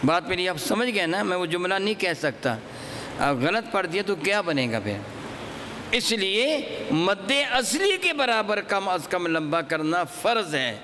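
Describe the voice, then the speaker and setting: Male Quran teacher, high bright voice, chants examples and quizzes class, echoey hall. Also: big pitch swings, slight background noise. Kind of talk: classroom religious lesson on recitation.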